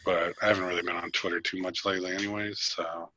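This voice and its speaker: A man from Illinois co-hosting a podcast, chatting casually with laid-back deadpan jokes. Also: sits low, fast talker, no echo, rough recording. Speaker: podcast co-host. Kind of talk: casual chat.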